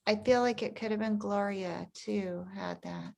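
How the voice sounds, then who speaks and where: A woman's voice: mid-range voice, a little slow, gravelly, a little mellow. A woman hosting a casual group chat, encouraging and full of questions. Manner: encouraging, asks many questions.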